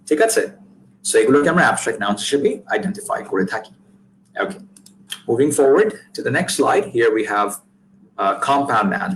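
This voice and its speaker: A man's voice: medium pitch, slight background noise, low-quality recording. A man with a Bangladeshi accent teaching an English grammar lecture, mixing Bengali and English, repeating points and checking with "right?". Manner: switches between Bengali and English mid-sentence; explanatory, repeats points and asks "right?" often. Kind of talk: recorded online grammar lecture.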